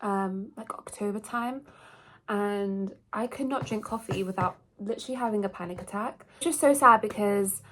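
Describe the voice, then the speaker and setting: Her mid-range, fairly bright voice moves at a normal speed, but it sounds stuffy, as she's still getting over a cold. The young woman is a beauty vlogger filming a casual get-ready-with-me at home in a shared house, chatty, rambling, and scattered as she skips from one thought to the next.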